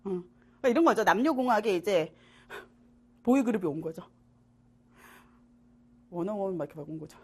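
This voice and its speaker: A woman's voice: mid-range voice, fairly quick, pauses often, slightly rough. A woman teaching middle school science in an online lecture, playful and constantly checking that students follow. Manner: animated, asks students frequent check questions; jokey and playful.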